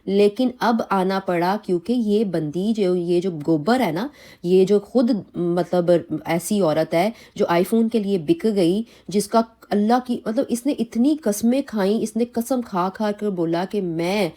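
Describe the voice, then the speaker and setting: A woman with a Pakistani Urdu accent records a reaction vlog about online feuds. Her voice is mellow and dark in tone, at an ordinary pitch for a woman. She talks indignantly and rambles, with many restarts and fillers. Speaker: reaction vlogger. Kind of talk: heated commentary on online drama.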